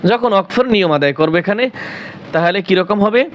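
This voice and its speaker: A man teaching Quran recitation, spelling out words and asking questions he answers himself, then chanting drawn-out melodic readings. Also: sits high, lo-fi sound, a little hiss or hum. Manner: drawn-out melodic recitation between quick explanations.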